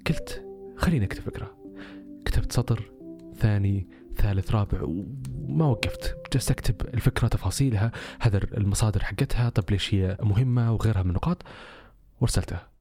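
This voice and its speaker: A man's voice: on the low side, quick pace, dark tone, soft background music. A man telling a personal story casually on a podcast, with many rhetorical questions.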